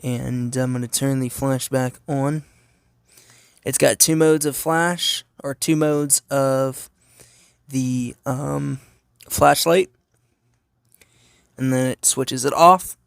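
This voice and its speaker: Speaking slowly in a steady, medium-pitched voice that is gravelly yet clean, a man gives an unscripted hobbyist review of a gadget, pausing often. He explains while demonstrating, asking questions and answering them himself, on a phone camera he holds. The sound is studio quality with no room sound.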